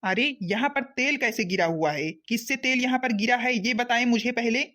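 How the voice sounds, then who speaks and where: A woman's voice: fairly high pitch, normal speed, pushed and bright. A woman voicing an angry, protective grown son and husband in a cartoon, demanding and accusing. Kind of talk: cartoon voice acting.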